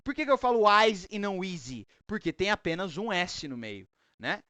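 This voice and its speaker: A Brazilian man teaches English in a fairly high voice, praising students and patiently explaining pronunciation in two languages. The sound is dry and close, with little room echo. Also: sing-song, normal speed, pushed and bright. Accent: Brazilian Portuguese. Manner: encouraging, switches between Portuguese and English explanations. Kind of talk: online English class feedback and explanation.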